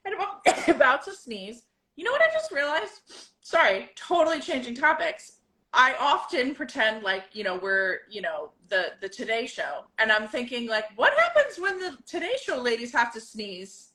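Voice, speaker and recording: A woman co-hosting a casual live-streamed chat, talking enthusiastically and quick to agree and laugh. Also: sits high, very animated, pushed and bright, poor audio. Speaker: co-host of a live talk show.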